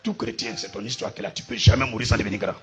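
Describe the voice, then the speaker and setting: A man's voice: mid-range voice, big pitch swings, very fast, creaky, pushed and bright. A man with an Ivorian French accent preaching a sermon, spelling out words letter by letter and asking his listeners if they follow. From Côte d'Ivoire. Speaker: pastor.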